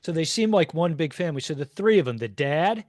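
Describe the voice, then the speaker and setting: A man co-hosting a casual podcast chat, telling stories with deadpan jokes. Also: fairly high pitch, a little fast, dry recording, studio quality. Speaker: podcast co-host.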